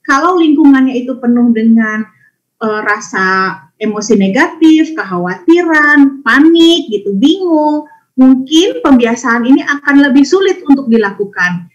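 Woman with a high voice explaining parenting tips point by point, dull lo-fi webinar sound. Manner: explains step by step, listing numbered points. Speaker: parenting educator. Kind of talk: webinar talk. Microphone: video call.

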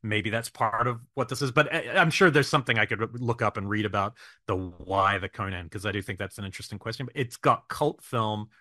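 A man's voice: on the low side, a little fast, bright, forceful tone, dry recording, clean studio sound. A man co-hosting a horror film podcast, talking casually and thoughtfully with frequent restarts. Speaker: podcast co-host.

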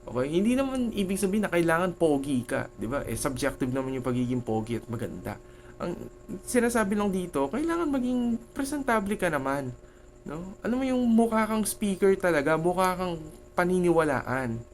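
A man's voice: sits high, sing-song, brisk, a little hiss or hum. A Filipino man with a Filipino accent, a teacher giving an online lecture in a conversational way, often checking in with "okay?" and "no?".

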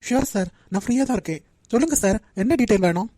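A meek, apologetic young office clerk, voiced by a woman in a cartoon, talking quickly. The voice is warm and low-key, recorded dry and close. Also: expressive, no room sound. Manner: deferential, apologetic.

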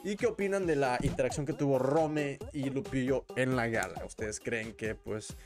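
A man's voice: medium pitch, normal speed, over music. A man hosting his own show, giving opinionated, casual commentary on a reality show, with many fillers and tag questions.

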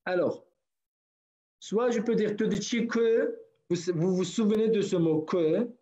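A man from northern Kurdistan teaches an online language class, patiently saying words again and again for his students. His voice is high-pitched, warm and unhurried, coming through the dull, lo-fi audio of a video call.

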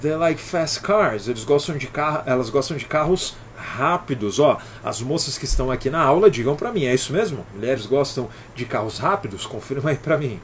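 A man's voice: mid-range voice, lively intonation, fairly quick, hardly any pauses, a little hiss or hum. A man with a Brazilian Portuguese accent teaching English on a live stream, explaining patiently and greeting viewers by name, often ending with "alright?".

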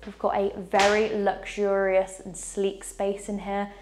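Wearing a lapel mic, a young woman gives an enthusiastic, upbeat tour of a large furnished house, gesturing as she walks through it indoors. Her medium-pitched voice is completely flat and unhurried, and the background is noisy.

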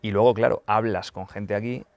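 Man, vlogger answering questions; blunt and sweary, lots of fillers, fairly low voice, dry sound. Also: steady tone, moderate pace, a little mellow, no echo. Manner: blunt and profane, with many fillers and restarts. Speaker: football journalist and video host. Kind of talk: casual question-and-answer vlog. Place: in Qatar during the World Cup.

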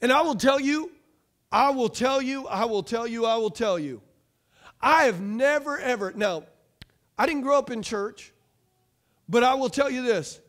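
Male pastor, 30s, very high voice, energetic stage preaching. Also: unhurried, long pauses. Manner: animated, call-and-response preaching, pacing the stage. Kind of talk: sermon. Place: church stage, large room.

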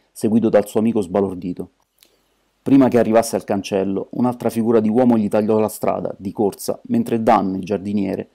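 A man narrating an amateur audiobook in a steady, measured reading. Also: lowish voice.

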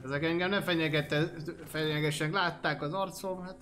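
A man's voice: fairly high pitch, fairly even intonation, pushed and bright. A man streaming a game and commenting casually, joking, swearing and chatting to his horse and viewers.

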